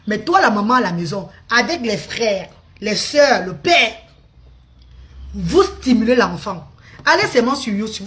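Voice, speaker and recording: A woman's voice: medium pitch, a bit bright. Chatty woman live-streaming. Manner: repeats words, calls viewers pet names. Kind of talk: casual live-stream talk to viewers.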